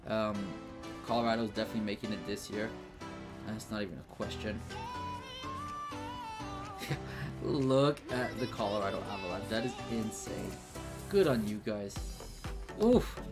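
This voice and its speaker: A man giving casual, think-aloud commentary over his gameplay, with frequent fillers and restarts. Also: medium pitch. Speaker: gaming channel host.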